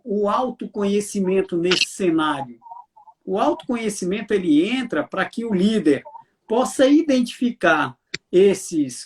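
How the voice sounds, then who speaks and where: A high-voiced man with a Brazilian Portuguese accent, an army colonel who trains leaders, answers interview questions in a lively storytelling style, acting out dialogue and laughing.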